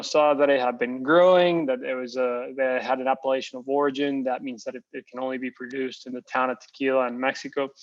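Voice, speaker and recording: Flat-voiced young man, dull audio. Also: medium pitch. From Costa Rica. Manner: relaxed, repeats words, many fillers. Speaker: founder and guest. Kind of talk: casual interview.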